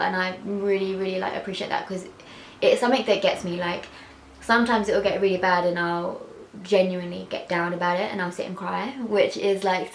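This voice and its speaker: In an echoey little bedroom, a young vlogger from England speaks heartfelt and unguarded to her camera. Sounds and words repeat as she stutters, her talk full of fillers like "like," in a voice pitched in the middle.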